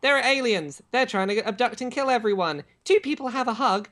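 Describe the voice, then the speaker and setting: Female podcast guest, casual and sarcastic, very animated intonation. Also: on the high side, fairly quick. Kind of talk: casual chat.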